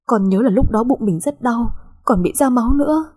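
A woman voicing a young mother frantic with grief, pleading in a shrill, tearful voice. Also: moderate pace, darkish tone, husky.

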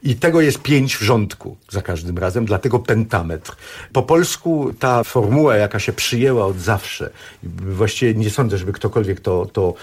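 A man's voice: on the low side, lively intonation, moderate pace, darkish tone, slightly rough. A man speaking as a translator guest in a radio studio discussion, explaining thoughtfully with restarts.

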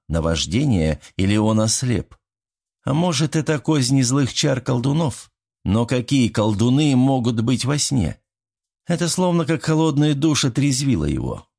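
A man giving measured, scripted narration of a fairy tale. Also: on the low side, darkish tone.

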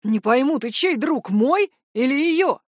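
A woman's voice: high-pitched, lively intonation, a little slow, dry recording, clean studio sound, voice pushed up. A hissing predatory young shapeshifter man, read by a woman. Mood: menacing. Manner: hissing, clipped threats. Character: young male shapeshifter, predatory, hot-tempered. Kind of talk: audiobook narration.

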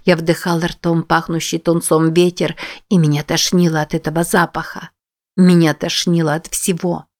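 A woman narrates a first-person story with a low voice. Her reading is measured and somber, steady through long passages. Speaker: audiobook narrator.

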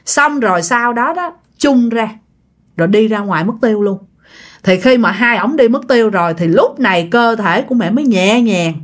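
A woman's voice: a little high, lively intonation. A woman with a Southern Vietnamese accent, telling a ghost story in a chatty way and speaking straight to her listeners. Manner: chatty, talks straight to listeners with drawn-out particles. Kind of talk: casual storytelling narration.

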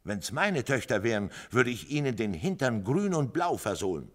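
A man's voice: medium pitch, very animated, normal speed, voice pushed up. A man reading aloud, voicing a stern, scornful drinker. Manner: stern, sneering.

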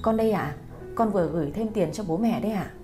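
A woman's voice: mid-range voice, fast talker, mellow, soft background music, lightly acted. A woman voicing a young mother frantic over her missing son, speaking tearfully and pleadingly. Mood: distraught.

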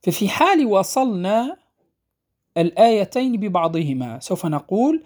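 A woman teaching the rules of Quran recitation. She explains patiently, repeats key points, checks that students follow, and recites verses slowly and melodically. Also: mid-range voice, very animated, a little mellow. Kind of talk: tajweed lesson explaining rules.

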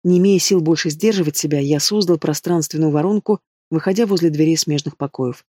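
A man narrating a romantic fantasy audiobook in the first person, with expressive storytelling. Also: fairly high pitch, a little fast, no echo, studio quality.

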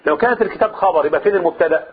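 A man's voice: sits high, racing, husky. A man with an Egyptian Arabic accent, teaching a Quran commentary lesson. He explains by asking his own questions and answering them. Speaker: religious teacher. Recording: tinny phone-like sound.

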